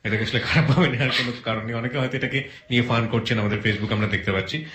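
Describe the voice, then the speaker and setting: A male interview host who talks quickly and keeps up frequent affirming murmurs while steering his guest. His pitch is mid-range for a man. The recording space carries a clear echo. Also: pushed and bright. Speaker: radio-style host. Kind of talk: interview host, prompting and commenting.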